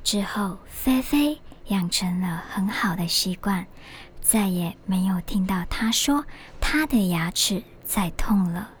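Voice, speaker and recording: A woman telling a bedtime story to children in a soft, hushed, soothing way. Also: mid-range voice, lively intonation, takes it slowly, a little hiss or hum.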